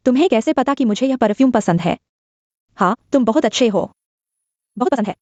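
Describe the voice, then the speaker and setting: A woman's voice: on the high side, expressive, fairly quick, darkish tone, no echo, highs cut off, lightly acted. A woman dubbing a young woman in a short drama, calling out in pleading, tearful cries. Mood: delighted. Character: anguished young woman begging her lover back. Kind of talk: dubbed short drama acting.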